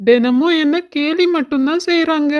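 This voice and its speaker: A woman's voice: high voice, moderate pace, highs cut off, close to an everyday voice. A woman voicing a small, lonely young mango tree in a cartoon, earnest and pleading. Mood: sad. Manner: earnest, pleading, soft-spoken. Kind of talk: cartoon voice acting.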